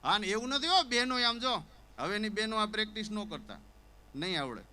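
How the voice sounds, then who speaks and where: In a low-quality recording, a stand-up comedian with a high, brisk voice tells a Gujarati folk comedy story on stage. He plays the characters with lively stammering and sobbing.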